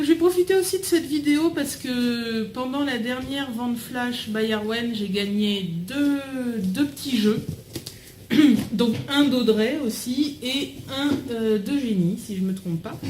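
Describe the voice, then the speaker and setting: A woman's voice: a little high, a little mellow, echoey room, slight background noise, low-quality recording. A young woman chatting casually to camera as she unboxes a package at home, bubbly and full of fillers. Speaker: vlogger unboxing a swap package.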